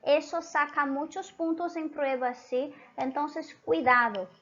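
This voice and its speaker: High-voiced woman teaching Spanish. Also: slow pace, fairly bright tone, lo-fi sound. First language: Portuguese. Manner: repetitive, checks in with "¿sí?" and "entonces"; switches between Spanish and Portuguese. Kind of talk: online language lesson.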